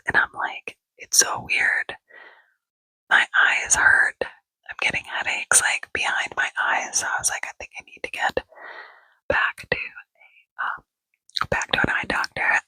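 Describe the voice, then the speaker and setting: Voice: sharp tone, dry recording, low-quality recording. An ASMR creator in a rambling, chatty whisper with many fillers, speaking close to a microphone held near the mouth, seated indoors. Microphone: close mic held near the mouth.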